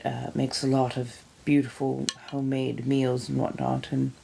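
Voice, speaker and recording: A woman's voice: rumbling low, little pitch movement, normal speed, gravelly, background noise. A woman hosting a casual livestream, greeting viewers effusively with theatrical pet names and chatting as she snacks. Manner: eating and sipping while talking. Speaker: livestream host.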